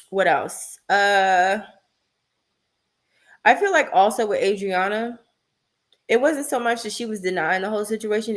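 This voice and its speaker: A woman's voice: medium pitch, fairly bright tone. A woman hosting a casual, blunt and gossipy recap of a reality TV show, talking with slang and lots of fillers.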